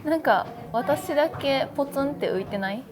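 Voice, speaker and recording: A woman chatting casually through a travel vlog, playful and quick with self-deprecating jokes while she walks around sightseeing. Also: high voice, lively intonation, crowd noise. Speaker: travel vlogger. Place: out and about sightseeing in a city. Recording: background music under voice.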